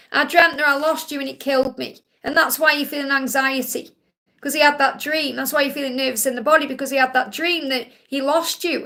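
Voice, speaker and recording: Bright, high-pitched woman with Stoke accent. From Stoke, England. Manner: reassuring, repeatedly checking with "okay?". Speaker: psychic card reader hosting a live Q&A. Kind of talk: live spiritual reading for viewers.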